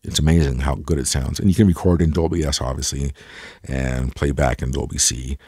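A man with a head cold hosts a hi-fi audio gear tour, chatting casually to camera in a stuffed-up, congested voice. His pitch is extremely low, his tone steady, mellow, and a touch breathy, and he talks fairly quickly, rambling enthusiastically and self-deprecatingly. The studio sound is clean, with no room sound.

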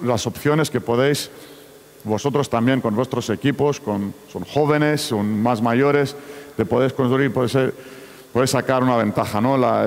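A man running a basketball coaching clinic, talking in halting phrases with frequent restarts. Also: medium pitch. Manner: broken, halting delivery with many restarts. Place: large indoor sports arena. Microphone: far camera. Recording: echoey sports hall, from far off.

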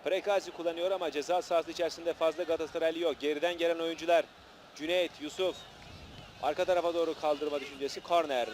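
A man's voice: on the high side, steady tone, fast talker. A man giving live television football commentary in short, clipped play-by-play phrases. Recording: noisy old match broadcast, outdoor stadium.

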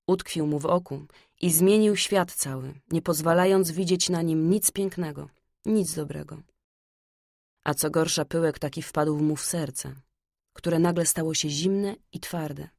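A woman narrating a fairy-tale audiobook in a calm, measured storytelling manner. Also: lowish voice, no echo, studio quality.

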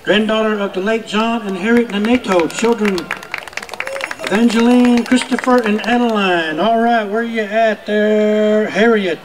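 A man with a high-pitched voice announces as a powwow emcee. He speaks into a public-address microphone outdoors. His delivery is informal and folksy, calling out to people and prompting applause as he makes introductions. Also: steady tone, measured pace. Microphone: public-address microphone at announcer's stand.

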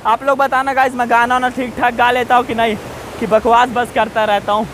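A man with a strikingly high, slightly bright voice and level tone vlogs as he walks across a rocky hillside, chatting straight to his audience. His repeated safety warnings come through a low-quality recording backed by a faint rushing waterfall.

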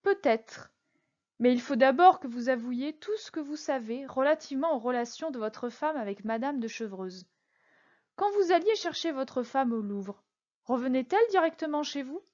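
Storybook role: a cold, scheming old cardinal, low and hushed, voiced by a woman reader; muffled lo-fi sound. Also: animated. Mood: stern. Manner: measured, quietly menacing. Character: stern, cunning old male cardinal, cold and commanding.

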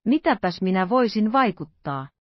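A woman voicing a grateful, troubled young woman in an audiobook, speaking earnestly and with quiet anxiety. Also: medium pitch, sing-song, no echo, dull audio. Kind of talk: audiobook character voice.

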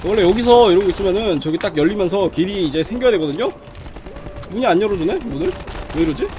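A man's voice: sits high, lively intonation, fast talker. A man giving casual commentary on a game walkthrough, grumbling at the game and muttering gun noises. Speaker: gaming channel host. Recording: loud game gunfire under the voice.

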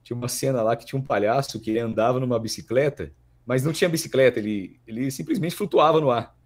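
A Brazilian voice actor in his thirties, talking fast in a medium pitch, chats casually as a podcast guest and repeats words while thinking aloud. He's recorded indoors in a small room with plain walls.

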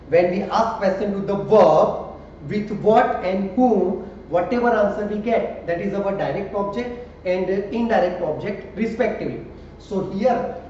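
A man's voice: sits high, darkish tone. A man teaching a school grammar lesson, repeating example sentences and asking the class questions. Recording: echoey room, distant mic, dull with faint noise.

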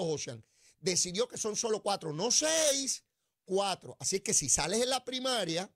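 A man with a Puerto Rican accent hosting a political commentary show, delivering a sarcastic, mocking monologue. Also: a little high. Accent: Puerto Rican Spanish. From Puerto Rico. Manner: sarcastic, mocking, mimics crying whiny voices.

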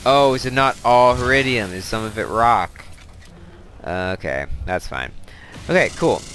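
A man's voice: medium pitch, expressive, unhurried, fairly bright tone, faint music behind. A man hosting a let's play, chatting casually and thinking aloud as he plays, drifting into side stories. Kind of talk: casual gameplay commentary.

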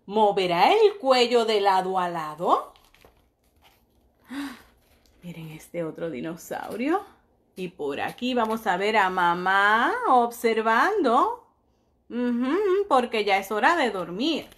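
Slow, animated woman reading to kids. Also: fairly high pitch. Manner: animated, exclamations and questions to young listeners; slow and soft at bedtime. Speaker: preschool teacher reading to children. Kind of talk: storybook read-aloud for children.

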